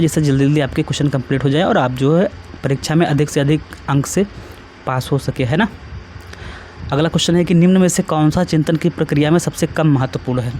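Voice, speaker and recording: Man, exam tutor, repetitive casual explaining, slightly high pitch, faint street noise. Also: darkish tone. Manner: repetitive, asks students questions, adds tag questions.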